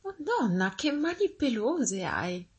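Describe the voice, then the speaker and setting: A woman's voice: a little high, very animated, slow pace, breathy edge, voice pushed up, exaggerated voice. Woman putting on a chirpy little girl. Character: bright cheerful little girl.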